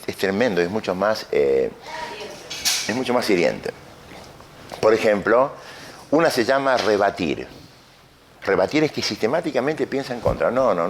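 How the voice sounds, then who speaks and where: Man, low voice, lively swooping delivery, lecturer. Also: a little hiss or hum. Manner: animated, acts out quarrels in his examples. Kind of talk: lecture on communication.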